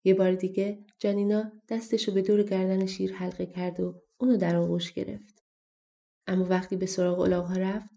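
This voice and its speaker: A woman narrating a fairy-tale audiobook in a steady, even storytelling manner. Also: mid-range voice.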